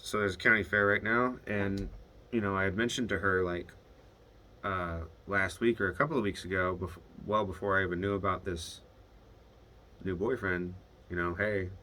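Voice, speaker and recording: A young man speaks to his video diary in a low but bright, forward voice. He talks haltingly, restarting sentences, retelling a phone call line by line. He swears when it gets to him. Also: a little hiss or hum. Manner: hesitant, restarts often, swears when upset; retells phone calls, quoting both sides. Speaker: video diarist. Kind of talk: casual confessional monologue.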